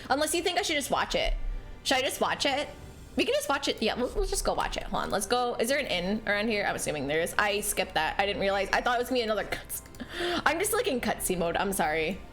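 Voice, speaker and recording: Female game streamer, cute and bubbly, very animated delivery, casual chat, music underneath. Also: mid-range voice, fast. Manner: bubbly, cute, excitable streamer greetings and exclamations; giggly, apologetic. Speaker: game livestreamer. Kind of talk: casual livestream chat while gaming. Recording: music behind the voice.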